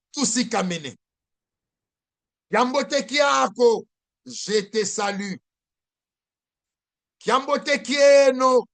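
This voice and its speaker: A man teaching a language lesson, saying each phrase slowly and repeating it for learners. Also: high-pitched, fairly bright tone.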